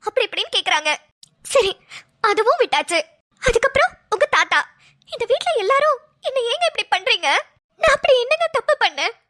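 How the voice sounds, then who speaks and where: A hurt young newlywed wife in a cartoon, voiced by a woman, her complaints spilling out in tearful pleading. The voice sits very high with a bright, sharp edge. It sounds close and dry, with no room around it. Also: big pitch swings, brisk, pauses often, no room sound, full character voice. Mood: aggrieved. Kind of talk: Tamil cartoon drama voice acting.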